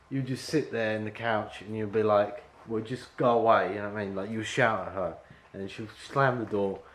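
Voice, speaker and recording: A man's voice: fairly low pitch, a little hiss or hum. A man directing an actor at an audition, rambling and full of fillers as he explains the scene. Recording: echoey room with faint ambience.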